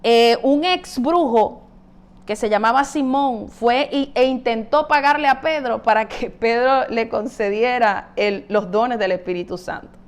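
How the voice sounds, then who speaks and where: A woman's voice: a little high, unhurried. A woman giving a Bible teaching, retelling a parable and explaining it earnestly to the listener.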